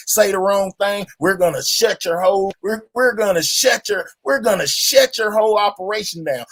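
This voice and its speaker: A high-pitched man with a drawl hosts a livestream in a mock-presidential tone. He is boastful and defiant and keeps repeating himself. The sound is dry and close. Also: no room sound. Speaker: livestream host.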